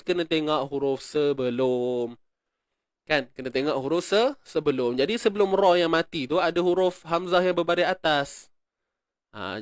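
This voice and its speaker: A man with a Malaysian Malay accent teaching Quran recitation rules, explaining patiently, repeating words slowly and chanting verses. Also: a little high, no echo, clean studio sound. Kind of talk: tajwid lesson, explaining and reciting.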